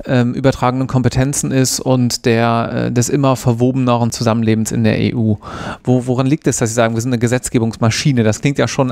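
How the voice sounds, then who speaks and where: A male podcast host interviews his guest, asking follow-up questions with attentive acknowledgements. His voice is gravelly, and the recording sounds dry and close. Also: medium pitch, a little mellow, no room sound. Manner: attentive, many "mhm" acknowledgements.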